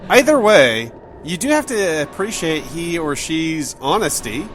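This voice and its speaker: A man's voice: a little high, sing-song, measured pace, fairly bright tone. A man hosting a let's play, giving casual, joking, conversational gameplay commentary. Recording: game music behind the voice.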